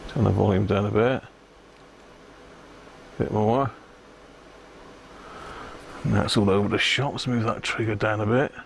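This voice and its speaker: Working at the bench on a live stream, this British man talks half to himself in a relaxed way, tagging questions onto his comments. His lowish voice is gravelly and unhurried with fairly even intonation and long pauses, over slight background noise.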